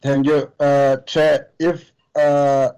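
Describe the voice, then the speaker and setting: A man presenting a committee report in a meeting, very halting with many repeated fillers. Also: medium pitch, level tone, warm tone, clean tone, highs cut off. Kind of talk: formal meeting proceedings.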